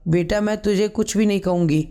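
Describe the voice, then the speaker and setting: Casting: man doing a soft, motherly older mother-in-law, high voice, storybook. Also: brisk, clear, resonant tone. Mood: soothing. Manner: soothing, motherly. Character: kind elderly mother-in-law, caring and anxious.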